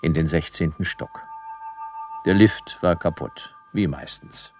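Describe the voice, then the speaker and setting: A man's voice: low voice, slow, over music. A man voicing Jonas, a world-weary private detective narrating a radio play with dry sarcasm. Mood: wry. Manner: dry, sardonic, clipped.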